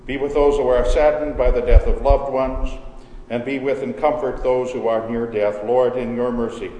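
A man leading a communion service as pastor, praying in a slow, measured, reverent way, his voice ringing with cathedral echo. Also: mid-range voice, level tone, dark tone, a little hiss or hum. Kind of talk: solemn liturgical prayer. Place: large church sanctuary. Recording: echoey church hall with long reverb.

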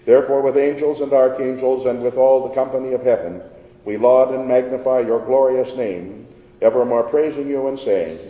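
A pastor reading prayers in a measured, solemn way, his voice carried by a cathedral echo. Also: mid-range voice, narrow, tinny audio. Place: large church. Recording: reverberant church hall with organ.

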